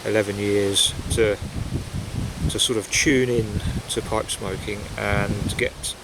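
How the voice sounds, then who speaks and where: This pipe-smoking vlogger's fairly low voice shows little pitch movement, and he takes it slowly. Chatting casually and reflectively in woodland, he hesitates and meanders. Wind noise on basic gear accompanies the sound of wind and rustling leaves.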